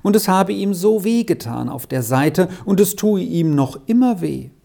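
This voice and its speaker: A man narrating a children's story in a calm, measured reading. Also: high voice, gravelly. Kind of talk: audiobook narration.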